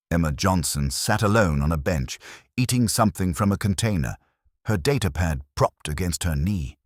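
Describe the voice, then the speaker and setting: A man narrating a sci-fi story in a measured, dramatic storytelling manner. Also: deep voice, no room sound, studio quality.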